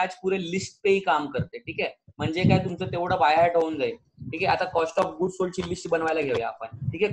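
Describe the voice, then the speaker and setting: High-voiced man teaching accounts online. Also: background noise. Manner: switches between Hindi, Marathi and English, questions students often. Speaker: commerce teacher.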